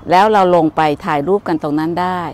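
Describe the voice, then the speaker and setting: An older woman leading a walking tour outdoors, explaining gently and motherly, calling the listener her child. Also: sits low, fairly even intonation, quick pace. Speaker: meditation center leader. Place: outdoors on hillside grounds.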